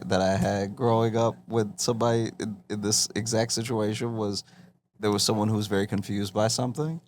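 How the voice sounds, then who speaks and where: A man's voice: on the low side, slight background noise. A man co-hosting a comedy podcast, telling stories animatedly and laughing through his riffs. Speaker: podcast co-host. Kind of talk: casual comedy chat.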